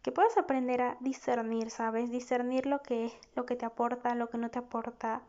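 A young woman, hosting a self-help podcast as a therapist, speaking in an encouraging way with soft asides. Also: fairly high pitch, steady tone, normal speed, lo-fi sound.

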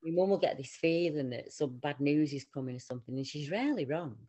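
Woman, low pitch, casual chat, anecdotal storyteller. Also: lively intonation, fast, warm tone. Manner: chatty storyteller, acts out relatives' voices.

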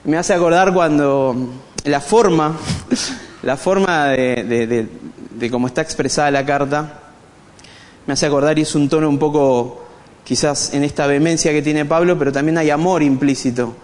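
A man's voice: on the high side, normal speed. Rioplatense man teaching in a reverberant hall. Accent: Rioplatense Spanish. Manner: animated, joking, addresses the audience directly. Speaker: Bible study teacher. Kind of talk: conversational church teaching.

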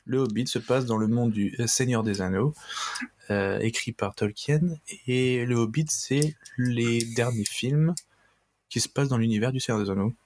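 A man's voice: medium pitch, moderate pace, a little mellow. A man hosting a casual podcast quiz with friends, joking around and explaining the game rules at length. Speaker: quiz host.

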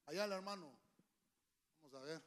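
A man preaching a sermon, emphatic and humorous, with sudden shouts, into a handheld microphone. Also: on the high side, moderate pace. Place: church.

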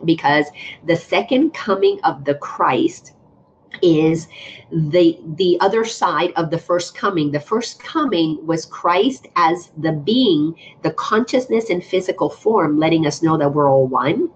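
A woman's voice: sits low, animated, measured pace. Earnest woman with a muffled lo-fi sound. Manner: earnest, flowing, emphatic about spiritual ideas. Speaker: spiritual teacher guest. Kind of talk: casual spiritual conversation. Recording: muffled lo-fi audio with faint noise.

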